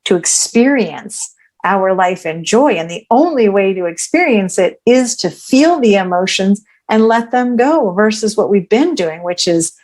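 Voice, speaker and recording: A woman speaks as a guest coach in a conversational podcast interview, her voice sitting in a middle pitch. She explains with earnest patience and keeps checking in with "right?". She voices her own inner thoughts aloud as she goes. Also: expressive, a little slow, a little mellow.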